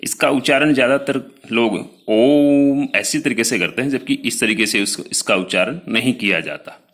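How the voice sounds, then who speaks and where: A man teaching a lesson, explaining slowly, sounding out each letter one by one and talking straight to his students about his written notes. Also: medium pitch, expressive, bright, forceful tone. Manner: addresses students directly, pointing to written notes. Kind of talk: classroom lecture.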